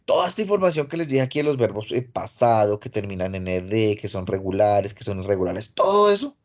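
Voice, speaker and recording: A man's voice: on the low side, very animated, brisk. A man teaching English grammar in an online class, explaining step by step in a patient, casual way over a computer mic. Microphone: computer mic on a video call.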